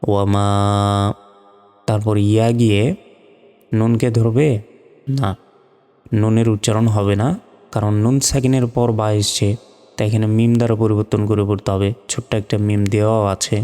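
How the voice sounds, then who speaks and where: Patient man teaching slow spelled-out recitation. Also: fairly low pitch, little pitch movement, mellow, smooth, long reverb tail, soft background music. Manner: patient, spells out syllables slowly and drawn out. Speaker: Quran reading teacher. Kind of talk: step-by-step spelling lesson.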